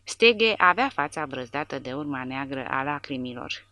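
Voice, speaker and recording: A woman narrating an audiobook in a measured, dramatic reading. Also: rumbling low, expressive, bright, forceful tone, no room sound. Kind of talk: scripted narration.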